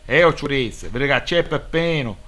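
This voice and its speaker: A man's voice: medium pitch, expressive, normal speed, a bit bright. A man with a Sicilian accent voicing a bossy, exasperated, coarse Sicilian man in a comic dialect dub, emphatic and scolding.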